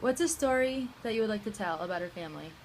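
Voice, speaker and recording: A woman's voice: mid-range voice, expressive, fast talker, slight background noise. A woman asking short, direct interview questions.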